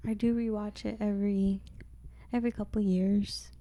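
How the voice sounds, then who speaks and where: A young woman co-hosting a casual podcast, telling stories slowly with slang and giggles. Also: mid-range voice, flat delivery, mellow, no echo. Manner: slow, giggly storytelling with slang. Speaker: podcast co-host. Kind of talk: casual chat.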